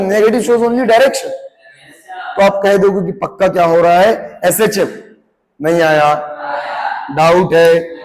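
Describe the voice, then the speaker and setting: High-voiced man teaching physics in an echoey classroom. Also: a little mellow. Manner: asks the class questions to check they follow. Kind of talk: classroom lecture.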